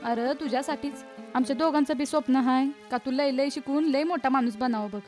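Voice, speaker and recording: A woman's voice: sits high, brisk, a little mellow, soft background music, natural voice. An actress playing a fretful mother. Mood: worried nagging. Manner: fretful, nagging. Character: worried poor village mother, fretful and nagging. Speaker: mother of a schoolboy.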